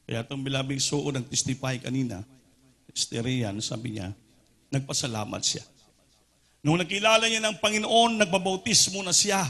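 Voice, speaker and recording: A man from the Philippines preaching a sermon at an overnight prayer meeting, mixing Tagalog and English, calling out for responses from the congregation and shouting at the peaks. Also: mid-range voice, expressive, normal speed. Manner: fervent call-and-response with the congregation.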